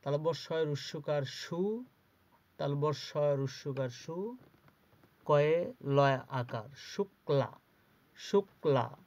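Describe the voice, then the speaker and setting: A man teaches children a spelling lesson, spelling each word out syllable by syllable and answering his own questions. His fairly high, darkish-toned voice moves slowly with frequent pauses, captured on a dull lo-fi recording.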